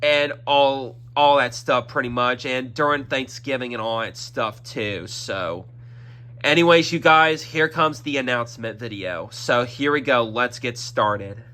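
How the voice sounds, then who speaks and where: Speaking a little slowly, a young man in the medium pitch range sounds pushed and bright while making a rambling announcement on his own YouTube channel. Congestion thickens his throat, and he coughs occasionally. Repetition marks his talk, as he circles around with "that is" and "y'all."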